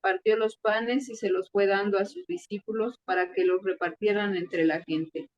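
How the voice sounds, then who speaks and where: A woman's voice: medium pitch, no room sound. Woman reading scripture, dull dry sound. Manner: steady, measured reading with small self-corrections. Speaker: scripture reader.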